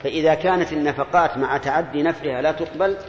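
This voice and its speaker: A man's voice: fairly high pitch, quick pace, dull audio, slight background noise. A man giving a classroom lecture, explaining points and quizzing his students with rhetorical questions. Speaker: teacher. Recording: echoey hall with long reverb.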